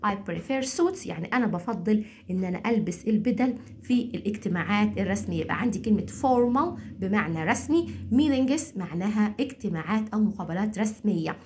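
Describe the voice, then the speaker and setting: A middle-aged woman with an Egyptian Arabic accent, teaching English by reading each sentence slowly and clearly, then explaining it quickly in Arabic. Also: medium pitch, expressive, a little mellow, a little hiss or hum. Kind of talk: language lesson.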